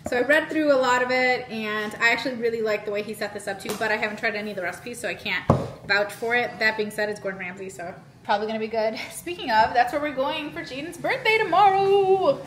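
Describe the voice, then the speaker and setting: Talking fast in a fairly high voice, a thirty-something vlogger laughs a lot as she cooks and chats casually in her home kitchen. The room echoes, and a sizzling pan makes the background noisy.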